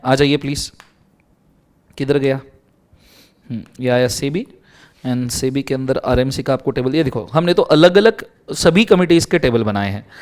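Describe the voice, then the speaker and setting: A man with an Indian accent teaching law in a recorded exam-prep lecture, switching between Hindi and English. He reads legal text out slowly and breaks off into joking, mock-pleading asides. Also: fairly high pitch, clean tone.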